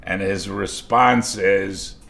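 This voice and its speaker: An older grandfather telling animated stories from his childhood in an interview. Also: low-pitched, slow pace, gravelly, slight background noise. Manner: animated, lively storytelling. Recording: roomy echo with faint music.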